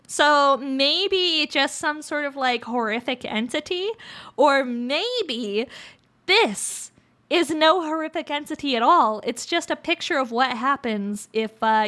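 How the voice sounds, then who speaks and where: Woman, very high pitch, cute anime-streamer manner, livestream host, spooky story reading and chat. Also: fairly bright tone.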